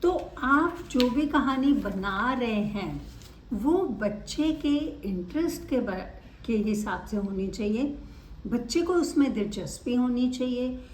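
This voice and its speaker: A woman auditory-verbal therapist giving an instructional talk to parents, deliberate and expressive, stressing key words. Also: on the high side, roomy sound, distant mic, a little hiss or hum.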